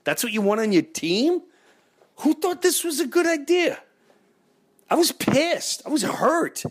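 A man's voice: extremely high pitch, sing-song, unhurried. A middle-aged man hosting a baseball fan show, in an escalating comedy rant, indignant and incredulous, firing off rhetorical questions.

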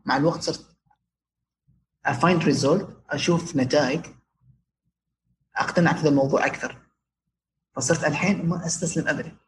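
A man's voice: on the high side, slight background noise, rough recording. A young Omani man telling personal stories casually as an interview guest, his Omani Arabic sprinkled with English words. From Oman. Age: young adult.

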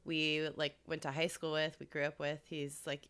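A woman's voice: low-pitched, little pitch movement, normal speed, fairly bright tone. A woman podcast co-host chatting casually, her voice stuffy from a cold. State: sick with a cold.

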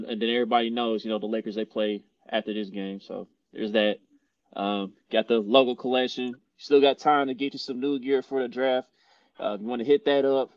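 A man's voice: medium pitch, no echo. A man co-hosting a casual sports show, talking in laid-back, slangy bro style and repeating his phrases. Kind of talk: casual sports chat and sponsor plugs. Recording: slightly dull, dry audio.

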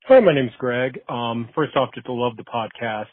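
A man's voice: medium pitch, normal speed, husky, dry recording. Man leaving a tinny voice message. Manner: chatty, with many ums and uhs. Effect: voice message played over a phone line. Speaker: podcast listener caller. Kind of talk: casual voicemail. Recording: tinny dry phone line.

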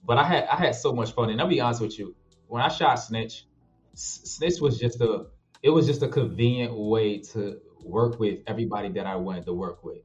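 A man's voice: mid-range voice, normal speed, dull audio. A man who acts and makes films, talking casually about his projects in a laid-back, slangy way. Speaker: actor and filmmaker guest. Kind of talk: casual interview chat.

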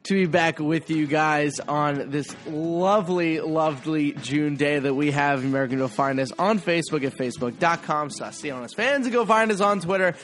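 A man's voice: on the high side, normal speed, few pauses, a bit bright. A man with a stuffy nose hosting a podcast, giving casual sports commentary in a chatty, playful, emphatic way. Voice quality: congested, stuffy-nosed. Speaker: podcast host.

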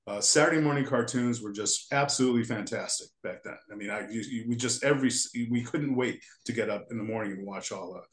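A man's voice: medium pitch, fast, few pauses, fairly bright tone. Rambling older man in an echoey room. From United States. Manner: rambling, restarts sentences often. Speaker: guest, character designer. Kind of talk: casual storytelling interview.

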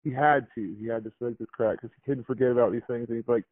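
A man's voice: medium pitch, fairly even intonation, no room sound. Rambling man on a tinny phone line. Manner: rambling, halting, many fillers and restarts. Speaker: interviewee recounting a past event. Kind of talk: casual recollection on a phone interview.

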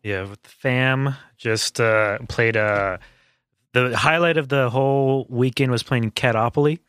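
A man's voice: mid-range voice, measured pace, a bit bright, clear, resonant tone. A man chatting as a podcast guest, telling jokey stories that trail off and restart. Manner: joking storyteller, trails off and restarts. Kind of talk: casual podcast chat. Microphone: studio mic in a booth.

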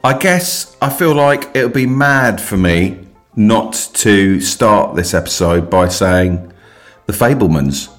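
A man in his late forties with a very low voice that swings widely in pitch as he co-hosts a casual podcast. He fires off teasing, playful questions. Faint music sits underneath. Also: expressive, slow, a bit bright. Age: 40s. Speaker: podcast co-host. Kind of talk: casual chat, live-streamed.

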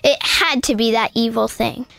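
A woman's voice: a little high, steady tone, moderate pace, vocal fry, a bit bright, no echo. A woman voicing a timid young girl who scares easily, with anxious questions. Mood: worried.

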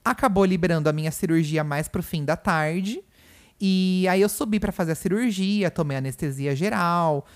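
A male podcast co-host with a Brazilian Portuguese accent chats casually in a hospital room, telling his stories with a lot of emotion and sprinkling in "né" and "gente." His voice is high and he talks at a normal speed.

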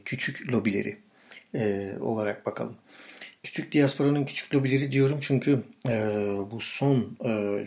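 A man from Turkey speaks in a fairly low, slightly hoarse voice. He hosts a podcast alone, giving informal political commentary, and often stalls as he searches for the next word. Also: a little mellow. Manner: halting, searching for words with long hesitations. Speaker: podcast host.

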